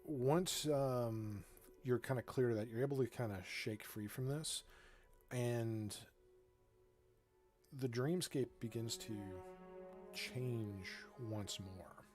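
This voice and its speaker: A man narrating a tabletop game as game master, improvising haltingly with pauses mid-sentence. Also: mid-range voice, a little mellow, faint music behind.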